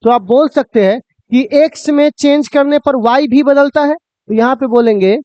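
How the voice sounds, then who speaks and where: A man's voice: very high-pitched, a little mellow, clear, resonant tone, no room sound. A man teaching physics to students, asking questions and answering them himself. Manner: addresses students fondly, asks and answers his own questions. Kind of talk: classroom lecture to students.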